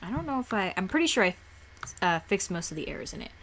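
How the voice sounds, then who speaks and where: A woman's voice: medium pitch, very animated, fast, fairly bright tone. Woman rambling thru a tutorial, keeps repeating herself, bit of hiss behind. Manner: rambling, restarts and repeats words often. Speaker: tutorial maker. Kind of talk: casual screen-recorded tutorial.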